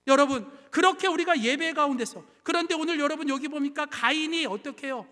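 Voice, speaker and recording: Male pastor, Sunday sermon, very high pitch, emphatic questions to the congregation, long sanctuary reverb. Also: sharp tone. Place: church sanctuary.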